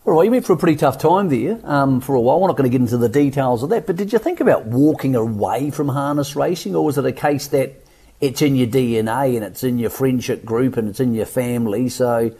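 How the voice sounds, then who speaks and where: An Australian sports radio host with a dark, slightly rough voice interviews racing guests in a casual, chatty, matey style. He speaks at a medium pitch, expressively and quickly.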